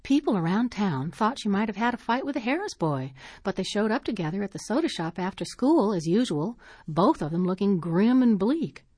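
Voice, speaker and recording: A woman narrates a short story in a measured, expressive reading. Her voice rises and falls a lot and has a soft, breathy quality. The recording is close and dry, with no room sound. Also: mid-range voice, dry recording.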